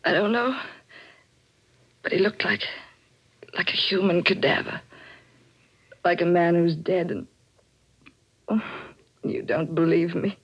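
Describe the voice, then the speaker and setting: A woman's voice: lowish voice, takes it slowly, pauses often, husky. An actress playing a proud, frightened married woman in an old-time radio thriller, with refined, theatrical diction. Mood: shaken, pleading. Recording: muffled, noisy old radio drama recording.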